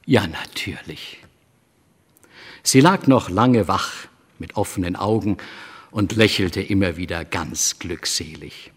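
A man narrating a children's storybook in an expressive, animated reading voice. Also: deep voice, unhurried, husky. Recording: long hall reverb.

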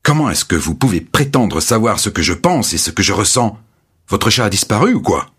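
A man reading the part of a quick-tempered male novelist in a spoken story, brusque and irritable. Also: a bass voice, animated, a bit bright, breathy edge, exaggerated voice.

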